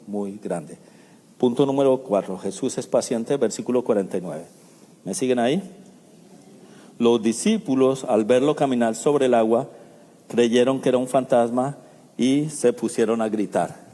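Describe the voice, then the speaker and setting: A man preaches a sermon in a warm, mellow voice of middle pitch, talking to the congregation with rhetorical questions and small jokes. His voice rings with a long reverb through the church sanctuary. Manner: jokey asides and chuckles. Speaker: pastor.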